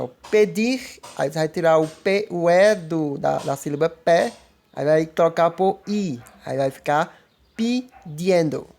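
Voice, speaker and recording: Teacher voice, patient, repetitive explanations, mid pitch, recorded lesson. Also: darkish tone. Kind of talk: recorded online grammar lesson.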